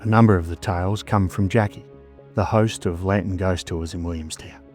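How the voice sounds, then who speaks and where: Male Australian narrator, deep register, scripted spooky storytelling with dramatic short phrasing, music underneath. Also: fairly even intonation, normal speed, a little mellow. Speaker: host and storyteller of a ghost story show.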